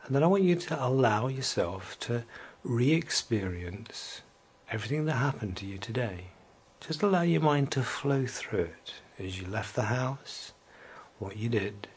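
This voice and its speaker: A man leading a guided evening relaxation, speaking slowly and soothingly and at times sinking to a soft whisper. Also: medium pitch, expressive, husky.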